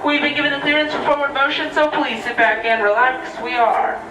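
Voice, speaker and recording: Woman's echoey train loudspeaker announcement. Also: sits high. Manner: scripted, measured, polite. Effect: heard over a train's public address loudspeaker. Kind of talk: safety announcement. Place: open-sided train carriage. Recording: echoey, distant, noisy moving train. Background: train and park noise.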